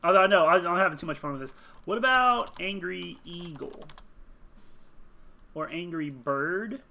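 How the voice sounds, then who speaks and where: A man's voice: high voice, unhurried, gravelly, pushed and bright, a little hiss or hum. A man thinking aloud as he builds a game character, rambling, muttering and chuckling at his own jokes while he types. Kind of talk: casual thinking aloud while searching online.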